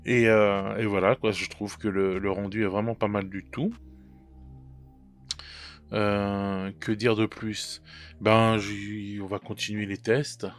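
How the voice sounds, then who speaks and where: Faint music plays behind a man who speaks slowly in a fairly low, level tone. He's a miniature painting YouTuber chatting casually about paint colors, hesitating, restarting, using lots of fillers, and laughing at his own errors.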